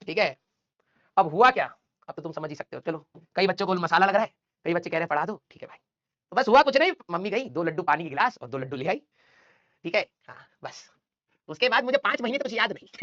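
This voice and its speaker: A male teacher telling a funny childhood story to his class in a quick, animated way, with chatty asides to the students. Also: sits high, dry recording, highs cut off.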